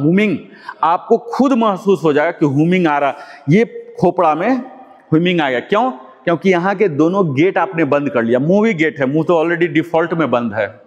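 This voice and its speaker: A man teaching a live yoga class, his slightly high voice ringing with a long echo off the room. He breaks every step down patiently, repeating key words and dropping English terms into his explanations. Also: muffled recording. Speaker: yoga instructor. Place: yoga class with students present. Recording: long echoing room reverb.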